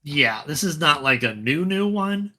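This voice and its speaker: Here a man co-hosting a podcast speaks at a measured pace in a fairly high voice. The talk is a casual, rambling chat about a tabletop wargame, with plenty of fillers and false starts.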